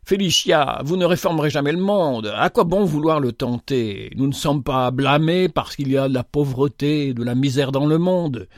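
A man's voice: fairly high pitch, normal speed, few pauses, dry recording, clean studio sound, close to an everyday voice. A man voicing a haughty, impatient rich young woman who talks with scorn.

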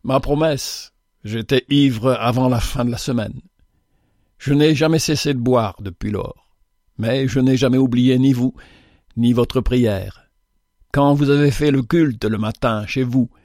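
A man voicing a gruff, remorseful male bandit leader in an audiobook, with an earnest, brusque delivery. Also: mid-range voice, measured pace, a little mellow, dry recording, clean studio sound, close to an everyday voice.

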